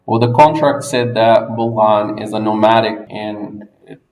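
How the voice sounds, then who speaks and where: A man from the United States hosting an interview, asking questions in clear, explanatory steps. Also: fairly low pitch, steady tone, unhurried, darkish tone. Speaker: interviewer, English language fellow. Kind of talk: podcast interview. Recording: echoey room, music underneath.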